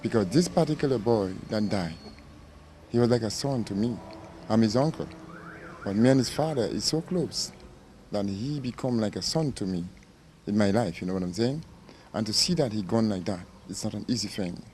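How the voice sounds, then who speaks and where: Impassioned man, dark voice. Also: lowish voice, animated, moderate pace, a little hiss or hum. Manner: impassioned, repetitive. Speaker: interviewee, victim's uncle. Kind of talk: emotional news interview.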